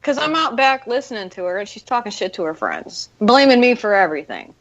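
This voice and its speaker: Middle-aged woman co-hosting, loud and projecting, swears a lot, kinda high voice, muffled audio. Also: very animated, a little fast. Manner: loud, projecting, profane storyteller. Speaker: show co-host. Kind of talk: casual chat.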